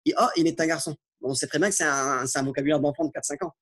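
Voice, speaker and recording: Fairly high-voiced man teaching. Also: steady tone, fast talker, fairly bright tone. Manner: repeats and rephrases points, checks in with "ok?"; insistent on key points. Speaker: Arabic teacher. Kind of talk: explaining a language lesson.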